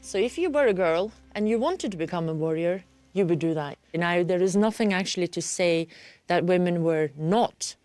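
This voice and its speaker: A woman's voice: fairly low pitch, normal speed, darkish tone, no echo, faint music behind. A woman from Norway with a Norwegian accent, patiently explaining and encouraging as an instructor. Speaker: combat instructor.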